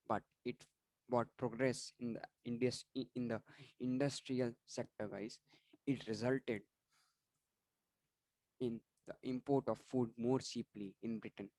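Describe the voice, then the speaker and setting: A man's voice: medium pitch, darkish tone, no room sound, rough recording. A man going through exam questions and answers for students in an online revision lesson, often restarting words and apologizing for slips. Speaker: online tutor.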